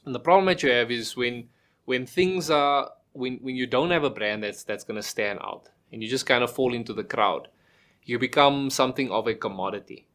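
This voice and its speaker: A middle-aged South African man, appearing as a podcast guest, explains things casually through everyday examples, often restarting phrases and posing rhetorical questions. His mid-range, slightly bright voice moves fairly quickly.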